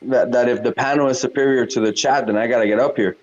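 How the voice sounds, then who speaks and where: A man calling in from work to a casual talk show, speaking in a relaxed, slangy way while his connection keeps breaking up. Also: mid-range voice, quick pace. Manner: laid-back, slangy. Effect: call connection breaking up. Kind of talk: casual chat. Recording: dull lo-fi call audio with faint music.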